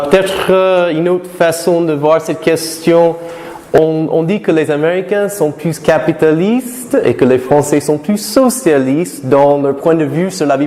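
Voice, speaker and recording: Speaking a little high with a darkish tone, a middle-aged American man addresses students in a live conference lecture. He frequently asks the room questions and stops to restart his phrases. He is a native English speaker, and the hall is echoey with long reverb.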